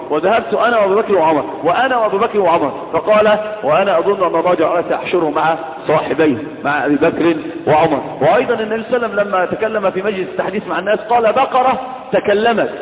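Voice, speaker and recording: A man's voice: sits high, racing, slight background noise. A man with an Egyptian accent giving a religious lesson to students, questioning the class and mixing classical with colloquial Arabic. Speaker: religious teacher. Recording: echoey hall, tinny lo-fi sound.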